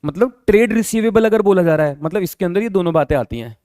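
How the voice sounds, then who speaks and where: The man's fairly high, darkish voice is expressive and quick as he lectures on accounting. He patiently repeats the key terms and frequently stops to ask whether students understand. The recording is close and dry, with no room echo.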